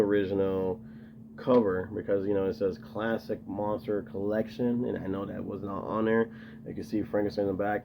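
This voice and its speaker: Casual vlog host, man, low gravelly voice, rambling and enthusiastic, dull lo-fi home recording. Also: slight background noise. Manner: rambling, enthusiastic, lots of fillers. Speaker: video host showing his tape collection. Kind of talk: casual chat to camera.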